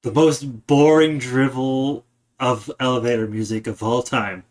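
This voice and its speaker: A man's voice: mid-range voice, fairly even intonation, measured pace. A man narrating a tabletop game as game master, describing scenes and often restarting his sentences.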